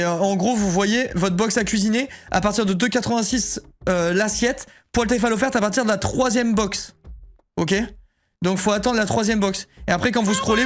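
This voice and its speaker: A man streaming live, chatting casually and joking while he reads his chat aloud. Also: high-pitched.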